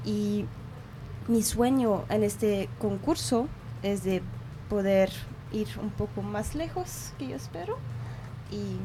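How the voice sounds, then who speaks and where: A young woman from Belgium, a non-native Spanish speaker, answering interview questions slowly and haltingly. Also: medium pitch, lively intonation. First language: not Spanish. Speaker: interview guest. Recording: faint background noise.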